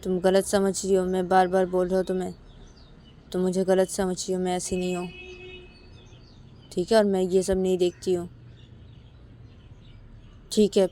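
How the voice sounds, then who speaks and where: A woman voicing Shruti, a defensive, quick-tempered young woman who repeats herself insistently. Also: lowish voice, completely flat delivery, mellow, slight background noise, close to an everyday voice. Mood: pleading.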